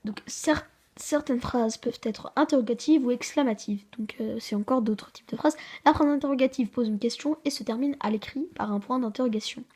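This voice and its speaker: A woman hosting a home-made grammar lesson, hesitant, with many fillers and restarts, slowing down to stress example sentences. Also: on the high side, a little mellow. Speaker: channel host teaching a French grammar lesson. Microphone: camera she handles herself.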